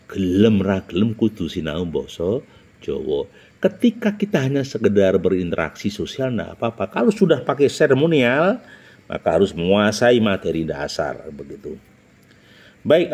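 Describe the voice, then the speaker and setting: Pria berlogat Jawa, suara agak rendah dan sangat ekspresif, gaya guru yang memberi tips berbicara di depan umum. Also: male voice, darkish tone. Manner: emphatic, jumps up in pitch to announce each numbered point; rhetorical questions, frequent "nah" and "ya". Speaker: public speaking teacher. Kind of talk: instructional talk.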